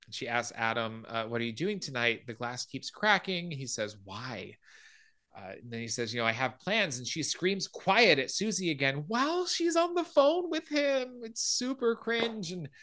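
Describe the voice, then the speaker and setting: A man's voice: mid-range voice, pushed and bright. A man hosting a podcast, casually retelling a film scene by scene and acting out quoted lines. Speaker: podcast host.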